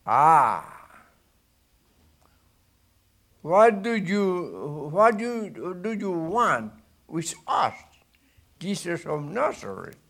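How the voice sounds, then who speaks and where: A man preaching who voices an evil spirit crying out, in slow, raised, strained cries. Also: a little high, sing-song, creaky, a bit bright, pitched above the performer's own voice, full character voice. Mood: alarmed.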